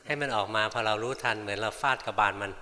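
A male monk giving a fast, direct dharma talk and answering questions from the audience. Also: on the low side, fairly even intonation, bright, forceful tone, in a large hall. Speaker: meditation teacher monk. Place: large meditation hall.

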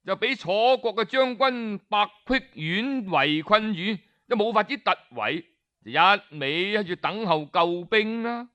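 Speaking in a high-pitched, clean tone, this Cantonese-accented man recounts history the old oral-storytelling way. His delivery is lively and informal, sprinkled with little asides aimed at his audience.

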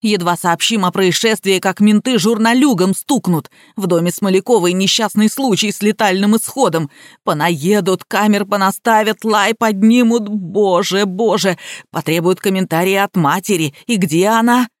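A woman reading an audiobook, voicing a rude, panicking young man who shouts and blusters. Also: mid-range voice, moderate pace, no room sound, studio quality, natural voice. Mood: blustering. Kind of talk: audiobook character voice.

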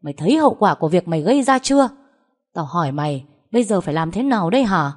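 A woman voicing a stern, domineering older father who scolds and shouts at his daughter. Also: medium pitch, lively intonation, brisk, lightly acted. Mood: furious.

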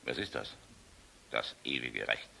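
An actor playing a proud, weary, sardonic middle-aged air force general in a radio play, commanding and grave, with deliberate pauses. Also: male voice, a bass voice, vocal fry, pushed and bright, breathy edge, exaggerated voice. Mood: grave, subdued. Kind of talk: German radio play acting.

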